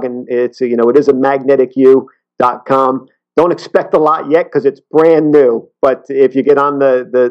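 A man talking as an interview guest, earnest and halting, often restarting his sentences. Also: medium pitch, lo-fi sound. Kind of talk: casual interview talk.

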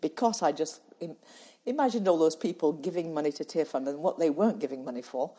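This older woman from the UK, once a charity president, has a deep, dark voice with a breathy edge and talks at a quick pace. As a guest in the interview, she tells stories in a reflective mood and laughs easily, on lo-fi, slightly muffled audio.

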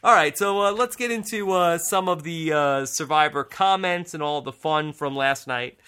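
A man's voice: a little high, moderate pace, sharp tone, clean tone. A man hosting a podcast, chatting casually and laughing often. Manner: laughs often, loose and joking. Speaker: podcast host.

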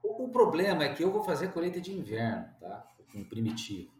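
A man's voice: on the high side, sing-song, fairly quick, echoey room. A man, a winegrower guest talking casually, plainspoken and repeating words as he thinks. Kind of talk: casual interview chat.

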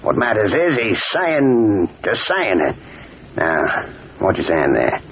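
A man's voice: fairly low pitch, huge pitch swings, slow pace, slightly rough, full character voice. A man playing a jovial, boastful master thief who talks heartily and swaggers. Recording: dull old radio recording, faint hiss.

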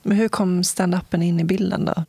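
An interviewer asks brief, encouraging questions in a casual chat. The voice has a gravelly edge and sits at a middle pitch. The recording is dry and close. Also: steady tone, darkish tone, no room sound.

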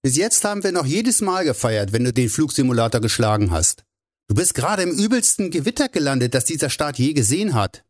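Man putting on a stocky mechanic, unflappable, laughing, teasing, pitched up, dry close sound. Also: sing-song, a little fast, dry recording. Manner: laughing, ribbing.

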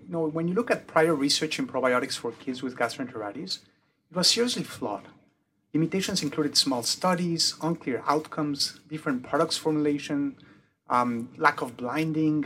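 A man's voice: medium pitch, slight background noise. A man with a mixed French and Mexican accent, a pediatric emergency doctor, methodically explaining his research in an interview. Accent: mixed French and Mexican Spanish. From born in the UK, grew up in Mexico. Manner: methodical, lists points in a steady explanatory way.

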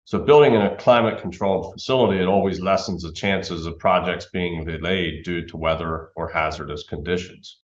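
Speaking briskly and deep-voiced, with barely a pause, a middle-aged timber framing company manager explains things as an interview guest. The audio comes through a dull, roomy remote link.

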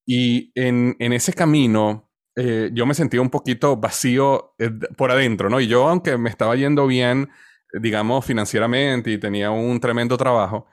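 A man in his forties with a Venezuelan Spanish accent speaks as a podcast guest, giving a conversational interview answer about his story. His mid-range voice has fairly even intonation and a moderate pace, and he sounds hesitant, often repeating words as he searches for them. The recording is clean studio sound with no echo.

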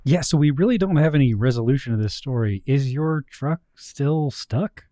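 A man's voice: medium pitch, normal speed, warm tone, dry recording. A male podcast co-host in casual chat, chiming in with dry, teasing remarks.

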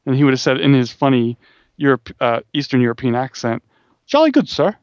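A man's voice: medium pitch, flat delivery, a little fast, no room sound, muffled recording. A man co-hosting a podcast, casually chatting about music with dry, mock-serious teasing. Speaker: podcast co-host.

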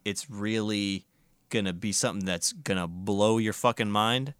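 A man's voice: on the low side, normal speed, fairly bright tone, clear, resonant tone, no room sound. A man hosting a casual music podcast, reviewing records in an enthusiastic, profane, rambling way.

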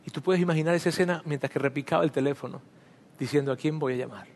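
High-voiced male preacher in a reverberant hall. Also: very fast, darkish tone. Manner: intimate storytelling, speaks directly to the listener. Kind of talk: sermon with personal testimony. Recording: long reverb of a large hall.

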